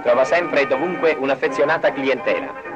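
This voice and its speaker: A man's voice: medium pitch, a little fast. Dull vintage newsreel, man announcing over music. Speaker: newsreel narrator. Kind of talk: scripted 1940s newsreel travelogue narration. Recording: dull, lo-fi 1940s archival newsreel soundtrack. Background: brass music.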